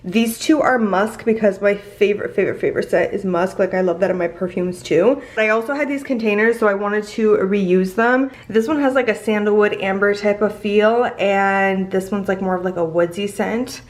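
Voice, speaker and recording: A woman's voice: medium pitch, moderate pace, hardly any pauses. A young woman in her twenties chatting casually to camera in her apartment, full of "like"s, her voice still groggy from just waking up. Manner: chatty, filler-heavy with many "like"s. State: morning voice, just woke up. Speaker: vlogger. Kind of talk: casual vlog chat.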